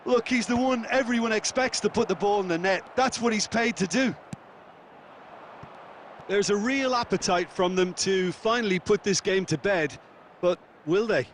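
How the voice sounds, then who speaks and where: An actor playing an opinionated football pundit in a video game, giving assured, conversational analysis as co-commentator. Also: male voice, high voice, moderate pace, a little hiss or hum, close to an everyday voice.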